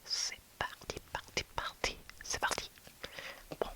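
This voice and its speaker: A woman creator slowly whispers something personal to her viewers. She is quiet and unsure, frequently starting over and using many filler words.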